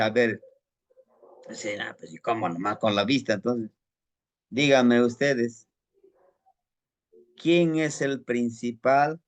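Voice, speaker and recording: A man from Guerrero, Mexico, with a Guerrero Mexican Spanish accent, teaching Nahuatl in an unhurried, halting way, often repeating words and asking rhetorical questions. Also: medium pitch, a little mellow. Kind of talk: casual spoken lesson.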